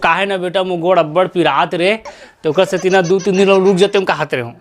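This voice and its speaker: A man's voice: high voice, fairly even intonation, brisk, very noisy. A man with a Chhattisgarhi accent, playing a fatherly, coaxing elder in a comedy sketch. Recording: music playing behind.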